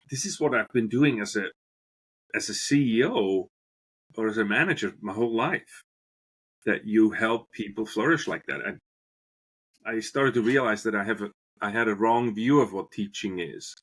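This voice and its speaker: A Swiss-born business professor, appearing as a guest on a podcast interview, tells reflective stories in an earnest manner, restarting phrases as he searches for words. His voice is lowish yet fairly bright, with a breathy edge. The recording quality is low.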